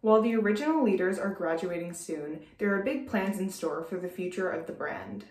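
A teenage girl, a student reporter, reading scripted news narration in an even way. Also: medium pitch, fairly quick. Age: teens. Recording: roomy echo.

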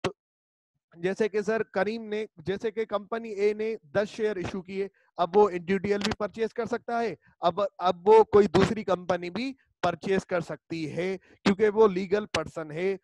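A man's voice: high voice, fairly even intonation, unhurried, darkish tone, a little hiss or hum, low-quality recording. A male law teacher, giving an online class lecture and drilling students by repeating key terms. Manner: repetitive, drilling students with call-and-response.

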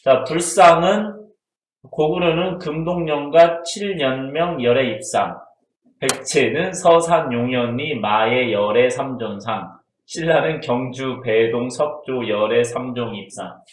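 A man's voice: mid-range voice, takes it slowly. Chatty male history teacher, roomy echo. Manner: chatty, asks students questions and answers them himself. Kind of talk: casual exam-prep lecture.

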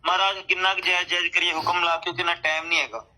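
Pushy high-voiced man on a phone call. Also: level tone, racing, bright, forceful tone. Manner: pushy and demanding. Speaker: caller posing as a police officer.

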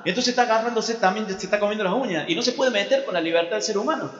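A man's voice: high voice, racing. A man with an Argentine accent preaching a sermon, telling a biblical story with humour in a church hall. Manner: animated, humorous storytelling. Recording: muffled echoey hall with piano.

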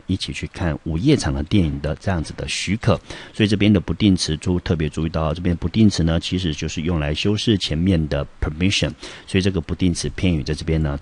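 A deep-voiced man with a Taiwanese Mandarin accent teaches English vocabulary. He spells words out letter by letter and walks through each example sentence with patient, careful explanation. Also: a little mellow, husky. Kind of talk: vocabulary lesson.

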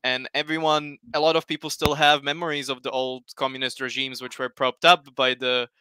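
A young Slovak man with a very bright, clean voice talks into a headset from his room. He hesitates and restarts often, and the sound is close and dry. He keeps an earnest, thoughtful tone. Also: medium pitch, level tone, a little fast, smooth, no echo. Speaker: panel guest. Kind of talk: casual panel discussion. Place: home room.

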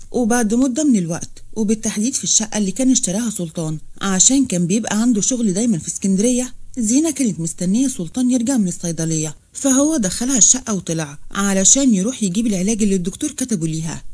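A woman with an Egyptian accent narrating a romance story in a brisk, steady way. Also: mid-range voice.

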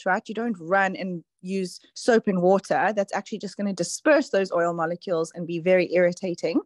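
A woman's voice: mid-range voice, no echo. A woman explaining things on a casual online call in a chatty way, full of fillers. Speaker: presenter on a product call.

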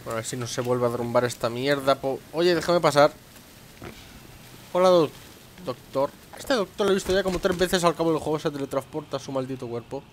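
A man's voice: fairly high pitch, fairly quick, slight background noise. A young man, commenting on his gameplay, muttering to himself and swearing. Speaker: gameplay host. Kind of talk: let's play commentary.

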